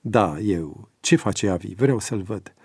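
A man voicing a thoughtful aging father, speaking in a hushed, reflective way and sometimes dropping to a whisper. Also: on the low side, lively intonation, breathy edge, dry recording, clean studio sound.

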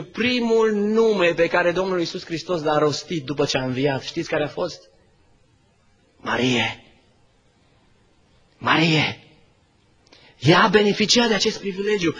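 A male pastor preaching a sermon, swinging between loud exclamations and hushed asides. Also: high voice. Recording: long reverb of a large hall.

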